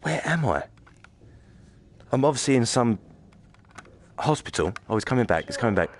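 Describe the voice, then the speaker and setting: A man's voice: mid-range voice, lively intonation, fast talker. A man giving chatty, joking live commentary while streaming a horror game. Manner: chatty, joking, reads game lines aloud. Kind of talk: live let's-play commentary.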